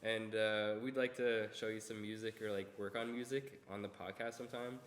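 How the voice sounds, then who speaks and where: A man's voice: fairly low pitch, flat delivery, normal speed. A young man co-hosting a casual podcast in a rambling, self-deprecating way, recorded on a shared mic in a roomy space. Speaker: podcast co-host. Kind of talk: casual unscripted podcast chat. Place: indoor room, around a table. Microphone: one shared mic on a table.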